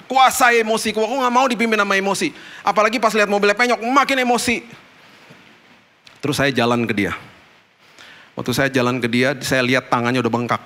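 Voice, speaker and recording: A middle-aged pastor preaches a storytelling sermon, acting out the dialogue with big swings in pitch. His tone is sharp.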